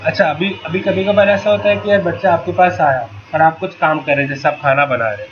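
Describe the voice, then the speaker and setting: A man's voice: a little high, fast, music in the background. A man running a parenting workshop, explaining patiently in a casual tone and asking the group rhetorical questions. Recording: dull lo-fi with loud ambient noise.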